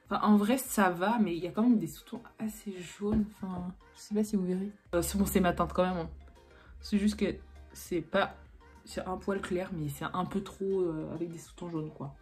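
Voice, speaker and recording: A young woman from France vlogs a makeup tutorial in a casual, chatty way, heavy on fillers and prone to restarting and correcting herself. Her voice is mid-range and darkish, with fairly even intonation and a moderate pace. Faint music sits behind her.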